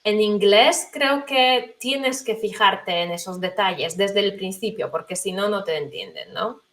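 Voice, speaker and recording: A woman of middle pitch answers interview questions as a guest. She is a language teacher. She speaks thoughtfully and pauses often, filling the gaps with small hesitations. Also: a bit bright. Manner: thoughtful, hesitant, many fillers. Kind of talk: conversational interview.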